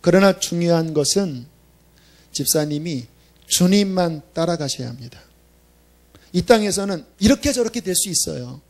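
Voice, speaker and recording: A man's voice: fairly high pitch, animated, moderate pace, pauses often. A male pastor preaching a sermon at a church service, telling a story in a conversational, emphatic way.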